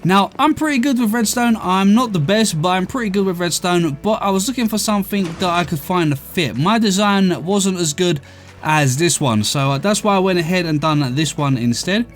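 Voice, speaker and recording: A man's voice: sits high, moderate pace. A man with a slight lisp, chatting casually to viewers as host of a game let's play. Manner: chatty, keeps addressing viewers as guys. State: slight lisp from a tongue ulcer.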